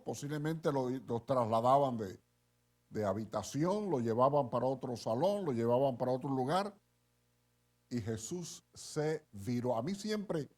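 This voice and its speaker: Lively, unhurried preacher man. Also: mid-range voice. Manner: animated storytelling with frequent "eh?" check-ins. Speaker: pastor. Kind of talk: sermon.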